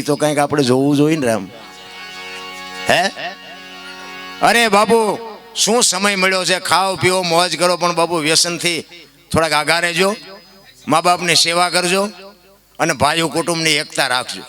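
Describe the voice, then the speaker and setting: A man giving a folk discourse to a live audience, rustic and preachy, swinging between loud outbursts and soft asides. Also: high voice. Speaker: folk storyteller and speaker.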